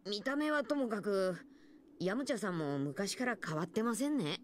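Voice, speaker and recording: A woman's voice: medium pitch, lively intonation, brisk, slight background noise, lightly acted. A woman voicing a small, earnest, teasing male martial artist in anime video game dialogue. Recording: music behind.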